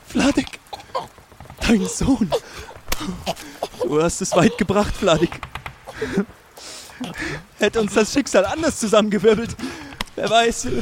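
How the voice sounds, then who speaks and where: An actor playing a haunted, guilt-ridden army doctor, narrating his own memories in a brooding, slow audio drama monologue. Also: high voice, background noise. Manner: brooding, slow inner monologue, breaking into desperate pleading. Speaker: army doctor in a hospital train.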